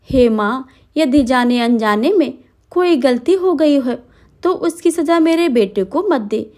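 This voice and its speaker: A woman's voice: a little high, warm tone. A woman voicing a grieving old mother who wails and pleads with the goddess for her son. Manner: wailing, pleading.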